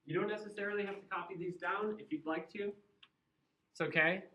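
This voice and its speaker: A man's voice is high, bright and forceful, steady in tone and fairly quick, as he teaches a chemistry class in a Midwestern American accent. He stays conversational and joking while asking students questions; the classroom lecture sounds roomy, distant and dull.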